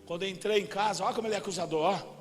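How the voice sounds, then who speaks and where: A man with a Brazilian Portuguese accent preaching a sermon at a church service, telling stories in an animated way and rising to shouts. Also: sits high, racing. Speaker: pastor. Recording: reverberant church hall with faint music.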